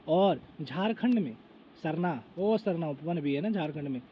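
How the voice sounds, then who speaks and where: A man's voice: a little high, expressive, unhurried. A man teaching an exam prep lecture, repeating lists again and again and answering his own questions. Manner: repeats lists over and over, asks and answers himself. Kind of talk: lecture with repetition drills. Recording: dull lo-fi with faint noise.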